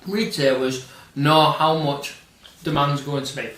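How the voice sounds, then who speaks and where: A man's voice: fairly high pitch, fairly even intonation, a little slow, fairly bright tone. A man co-hosting a casual film discussion, opinionated and emphatic, with casual swearing. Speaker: co-host. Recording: roomy echo, distant mic, faint noise.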